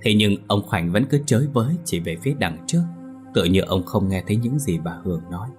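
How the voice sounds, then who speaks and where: A man's voice: lowish voice, expressive, a little fast, a little mellow. A man narrating a ghost story in a dramatic reading voice. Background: faint music.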